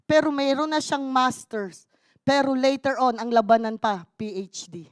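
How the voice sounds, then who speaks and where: High-voiced Filipino woman preaching. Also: a little slow, dry recording, studio quality. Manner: switches between Tagalog and English, rising to emphatic bursts. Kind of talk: sermon.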